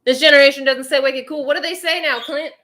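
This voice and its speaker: A woman's voice: sits high, steady tone, a bit bright, roomy sound, recorded from a distance, poor audio. Chatty woman livestream host from the northeastern US. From northeastern United States. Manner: chatty, talks straight to viewers and chat; says she talks fast. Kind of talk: casual livestream chat.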